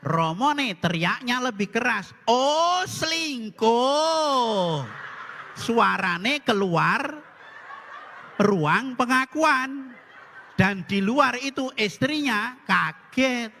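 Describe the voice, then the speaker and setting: High, bright-voiced priest joking in a reverberant hall. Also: male voice, expressive, slow, a little hiss or hum. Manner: jokey storytelling, acting out dialogue. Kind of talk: humorous sermon.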